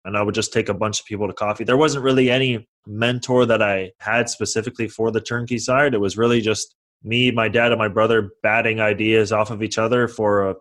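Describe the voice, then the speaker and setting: A slightly fast, level, somewhat bright lowish voice belongs to a young guest from California who invests in real estate. Answering the interviewer with confidence, he describes how he started out and plays out the exchanges he had.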